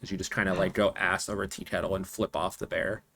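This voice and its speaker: A man running a tabletop game as game master, calmly explaining rules and describing the action. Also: low-pitched, quick pace, vocal fry. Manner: relaxed, explains rules, laughs easily.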